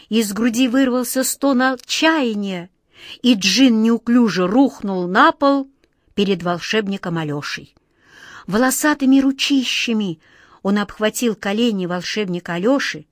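A woman narrating a children's fairy tale audiobook in an expressive, measured way. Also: a little high, dry recording, studio quality.

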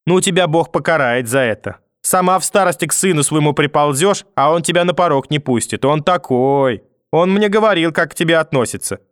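Man doing an old grandmother, hysterical, manipulative, wailing and cursing, audiobook, somewhat high voice, dry close sound. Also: a little fast, a bit bright, clear, resonant tone, no room sound, close to an everyday voice. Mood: moaning cursing. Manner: wailing, pleading then cursing through a door. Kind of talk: audiobook reading.

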